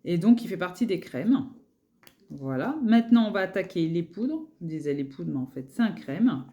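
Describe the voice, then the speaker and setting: A woman's voice: fairly low pitch, animated, moderate pace, dark tone. A woman beauty vlogger chatting casually through her makeup collection, hesitant, with many fillers and repeated words.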